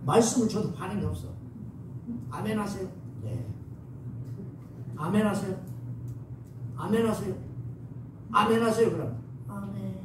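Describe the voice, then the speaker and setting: A man preaching a sermon as pastor, lively and coaxing his congregation to respond. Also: high voice, measured pace, long pauses. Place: church sanctuary. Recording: echoey church hall from far off, faint noise.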